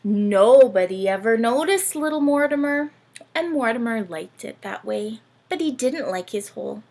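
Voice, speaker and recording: With a voice on the high side and a normal speaking speed, this woman reads aloud and chats with young kids. She's a lively, sing-song children's host who often asks her listeners questions.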